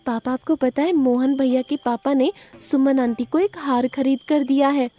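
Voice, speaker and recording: A cheeky, outspoken young daughter from a cartoon, as a woman voices her, lively and teasing. The voice is high-pitched, and light music sits behind it. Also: moderate pace, close to an everyday voice. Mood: chatty. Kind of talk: animated cartoon voice acting.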